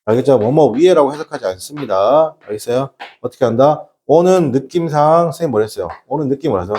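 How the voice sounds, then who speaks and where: Chatty lively male English teacher. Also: medium pitch, fast talker. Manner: chatty, joking, constantly checks in with students. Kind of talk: classroom lecture.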